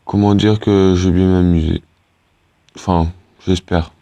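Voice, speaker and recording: A teenage boy with a low, deep voice talks his viewers through a game in loose, rambling chat. He stops and restarts a lot and fills the gaps with hesitant fillers. The recording is dry and close. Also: level tone, measured pace, creaky, mellow, no echo. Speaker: gaming YouTuber. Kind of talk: casual gameplay commentary.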